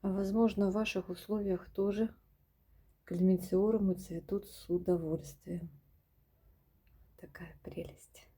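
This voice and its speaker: A woman showing her houseplants in a casual vlog at home, speaking softly and often dropping to a whisper as she talks to her viewers. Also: mid-range voice, steady tone, measured pace, pauses often, husky. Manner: soft-spoken, often drops to a whisper, addresses viewers as girls. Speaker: plant vlogger. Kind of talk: casual plant-collection vlog. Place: home among houseplants, indoors.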